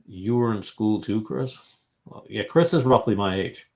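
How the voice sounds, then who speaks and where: Fairly low-pitched and a little mellow, this fifty-something man from Massachusetts keeps a measured pace while leading a relaxed online fellowship chat. He wanders through his thoughts with lots of filler words, answering viewer comments as they come in during the livestream.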